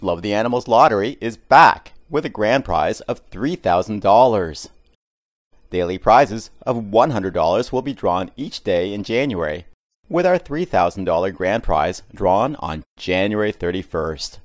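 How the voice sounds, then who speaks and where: A man reads a scripted promo in an announcer style. His voice is very deep. The sound is dry, with no room echo.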